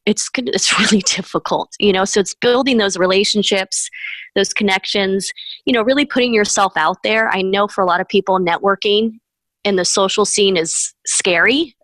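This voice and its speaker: Here a woman with a medium-pitched, slightly bright voice talks at a moderate pace on a dry, poor-quality recording. A Spanish-first-language mortgage professional, she is an upbeat interview guest who laughs between points in a conversational exchange.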